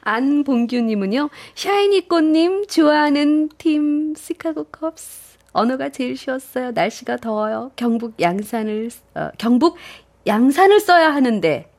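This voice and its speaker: A woman's voice: high voice, expressive, unhurried, a little mellow. A woman hosting a radio show, reading listener messages and narrating a story. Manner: friendly, reads listener messages. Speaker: radio host.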